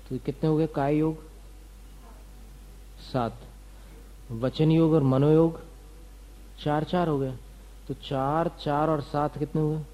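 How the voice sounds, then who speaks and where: A man's voice: fairly high pitch, dark tone, low-quality recording. A man giving a doctrinal lecture to students, asking and answering his own questions and listing terms one by one. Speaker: religious teacher.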